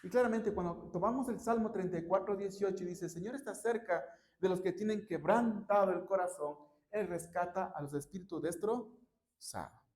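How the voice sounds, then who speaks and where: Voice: medium pitch, normal speed, darkish tone. A preacher speaks in a church in a mid-range voice, teaching in a conversational sermon style. The delivery keeps turning to the listeners with rhetorical check-in questions. Personal anecdotes from workshops are woven into the teaching.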